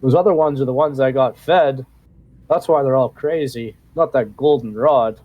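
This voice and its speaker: A man's voice: mid-range voice, normal speed, muffled recording, lightly acted. A man voicing a hungry male goblin prisoner chained to a wall, indignant and pleading in a tabletop game.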